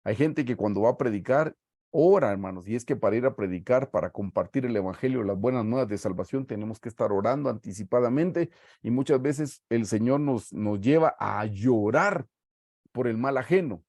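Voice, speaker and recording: A man with a Guatemalan Spanish accent leading a sermon-style Bible study over a video call, reading verses slowly and often calling his listeners brothers. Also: medium pitch, darkish tone, no room sound, studio quality.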